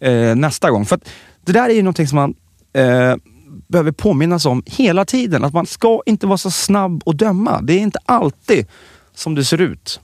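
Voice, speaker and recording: Lively man telling a story. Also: on the high side, no room sound, clean studio sound. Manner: animated storytelling, many restarts. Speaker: podcast co-host. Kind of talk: casual chat.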